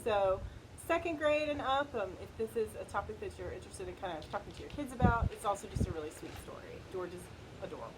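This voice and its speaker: Out in the wind, with gusts audible on the mic, a middle-aged co-host informally and hesitantly recommends books. Her mid-range voice is animated and quick.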